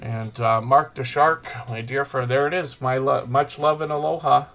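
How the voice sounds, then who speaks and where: Chatty livestream host, bright voice. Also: male voice, medium pitch, fairly even intonation, moderate pace, soft background music. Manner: chatty, greets viewers by name, rambling. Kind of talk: casual live-stream chat.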